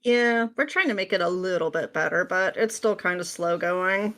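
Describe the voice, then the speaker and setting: A script writer appearing as a podcast guest talks in an informal, wry, conversational manner during a casual interview. Her voice is lowish and fairly bright, at a normal speed.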